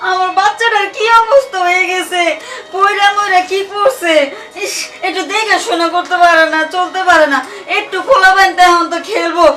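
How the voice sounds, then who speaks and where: A woman plays a scheming, quick-tempered stepmother who mutters fretfully to herself and turns loud and defensive. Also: very high voice, fairly even intonation. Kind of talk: amateur short-film acting. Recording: echoey room, mic at a distance, music underneath.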